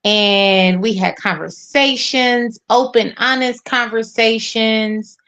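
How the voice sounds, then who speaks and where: A woman chats as a guest, her voice coming through a frozen video call with dull, muffled sound. She talks very slowly and easily. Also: a little high, fairly even intonation, fairly bright tone. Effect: lo-fi video call audio with a frozen screen. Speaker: guest on an online talk show. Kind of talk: casual chat.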